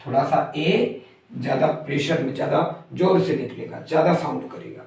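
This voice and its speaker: A man with a high, gravelly voice gives a slow, careful pronunciation lesson and spells out each word letter by letter. He sits well back from the microphone in a strongly echoing room. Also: a little mellow. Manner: methodical, spells out letters one by one. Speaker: English pronunciation teacher. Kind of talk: explanatory lesson. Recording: very echoey room, far from the mic.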